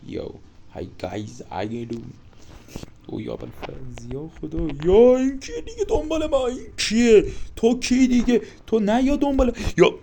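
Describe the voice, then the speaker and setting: A young man commenting on a horror game as he plays it, joking and taunting in quick exclamations. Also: mid-range voice, vocal fry, a little hiss or hum. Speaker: gaming YouTuber.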